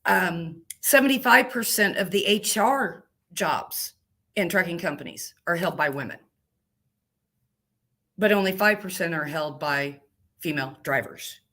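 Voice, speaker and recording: A woman's voice: lowish voice, expressive, unhurried, sharp tone. A woman truck driver talking as an interview guest, plainspoken and emphatic in a folksy, casual way.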